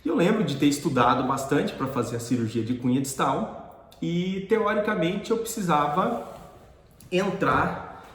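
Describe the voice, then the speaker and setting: A middle-aged man recounts a memory in an earnest, halting way, restarting his phrases as he goes. His voice sits a little high for a man. It rings in a room with a long, echoing reverb. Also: lively intonation, fairly bright tone. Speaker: dentist and teacher. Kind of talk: personal storytelling.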